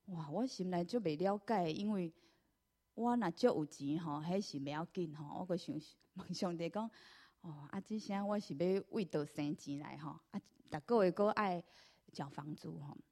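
A woman with a Taiwanese accent giving an earnest personal church testimony, telling her story with many drawn-out fillers. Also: on the low side, a little mellow.

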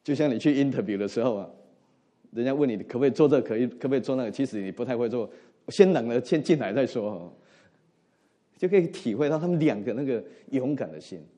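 A middle-aged man delivers a sermon with earnest feeling. His mellow, warm voice swells on key points and falls soft and low between them, now and then slipping an English word into his speech. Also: expressive, quick pace. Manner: earnest, swings between emphatic rises and soft drops, mixes in English words. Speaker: pastor.

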